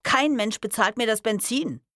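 A woman's voice: a little high, moderate pace, sharp tone, dry recording, clean studio sound, pitched above the performer's own voice. A woman voicing a stubborn, pessimistic young woman who talks in a reproachful, blunt way. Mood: grumbling. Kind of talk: audiobook reading.

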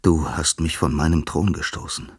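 A paranoid old sky god, voiced by a man reading aloud. The voice is deep and husky, swinging widely in pitch, heard close and dry. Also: fairly even intonation, normal speed, no room sound, heavily acted. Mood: bitter, prophesying. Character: fearful, suspicious old male sky god. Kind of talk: storybook narration.

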